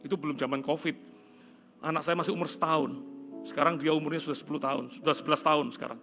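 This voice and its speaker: A middle-aged man from Indonesia preaching a sermon, telling a story earnestly and dropping to soft, prayerful tones. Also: a little high, fairly even intonation, quick pace, gravelly. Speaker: pastor. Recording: music playing behind. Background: soft guitar music.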